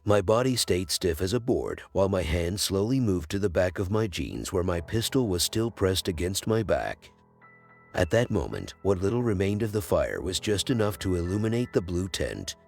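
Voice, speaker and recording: A man narrating a first-person horror story in scripted narration, with a measured storytelling delivery. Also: deep voice, very animated, gravelly, darkish tone. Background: faint music.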